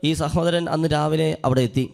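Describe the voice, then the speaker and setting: ഒരു പുരോഹിതൻ ഹാളിന്റെ മുഴക്കത്തിൽ, ഒരു അനുഭവകഥ പറഞ്ഞുകൊണ്ടുള്ള പ്രസംഗം. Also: male voice, a little high, fairly even intonation, a little fast, gravelly, darkish tone. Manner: earnest storytelling, acts out quoted speech. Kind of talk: sermon with a personal story. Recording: long hall reverb.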